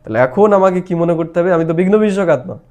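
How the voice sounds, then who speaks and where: Male spiritual teacher, high-pitched, patient explanatory delivery with frequent rhetorical questions. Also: animated, quick pace, warm tone. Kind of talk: devotional explanation of a daily lesson.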